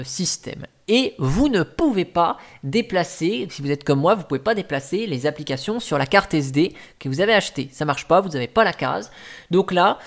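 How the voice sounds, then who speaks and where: Chatty man walking through a phone app. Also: a little high. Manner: chatty, many fillers and restarts. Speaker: tech tutorial host. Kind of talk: casual screen-recording walkthrough.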